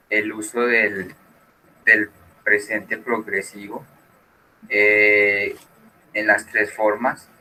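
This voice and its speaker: This is a man teaching an English lesson with a bright, forceful voice pitched a little low. He talks slowly and patiently, switching between Spanish and English as he walks a class through the exercises. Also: slight background noise, poor audio. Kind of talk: online class explanation.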